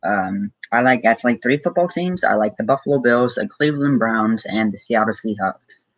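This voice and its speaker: A teenage boy with an Arizona accent, a small YouTuber, answers viewer questions in a casual live Q&A from his room, reading each aloud and replying offhand with many ums and likes. His fairly low voice is expressive and fairly bright, at a moderate, hesitant pace. The computer-mic audio is dry and poor.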